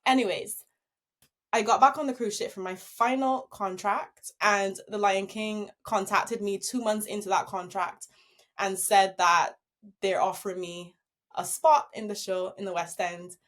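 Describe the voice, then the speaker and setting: A woman's voice: mid-range voice, fairly even intonation, unhurried, fairly bright tone. Upbeat woman from Barbados telling stories. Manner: upbeat, laughs easily while telling stories. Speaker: guest, professional dancer. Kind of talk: conversational storytelling interview.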